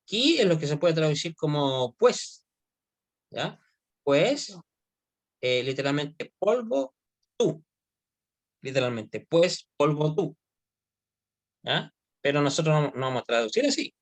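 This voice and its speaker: A man teaching Hebrew grammar in an online class. He speaks at an unhurried pace and keeps pausing to make sure his students are following. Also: a little high. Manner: explains slowly, often checks with "¿ya?".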